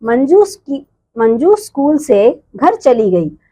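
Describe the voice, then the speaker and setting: A woman's voice: high-pitched, very animated, slow pace, dark tone, slightly rough. A woman teacher reading a storybook lesson to young children, explaining and repeating words for them.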